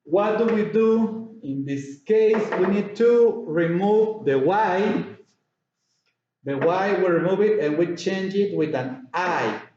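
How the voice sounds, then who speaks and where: A man teaching an English grammar lesson, slowly repeating words and spelling letters out. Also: sits high, animated, darkish tone, a little hiss or hum. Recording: echoey, distant, dull room sound.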